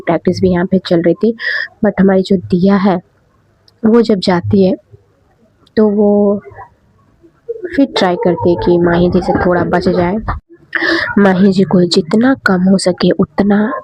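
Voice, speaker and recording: A woman's voice: medium pitch, steady tone, measured pace, pauses often, dark tone, slightly rough, no echo. A woman narrating a story in a casual, chatty way, mixing in English words. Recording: dull, dry, close recording.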